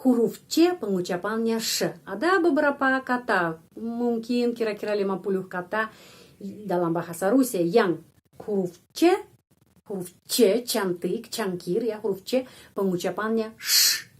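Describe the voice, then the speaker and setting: Woman slowly modeling pronunciation as a teacher. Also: mid-range voice. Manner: slow, deliberate, repeats words to model pronunciation. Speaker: Russian language teacher. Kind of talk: pronunciation lesson.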